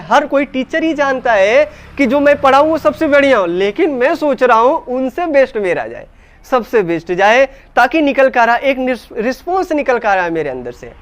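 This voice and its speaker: Teaching English grammar to his class in Hindi, this man from India speaks smoothly in a voice fairly high for a male. He peppers students with questions he frequently answers himself and goes over every point repeatedly.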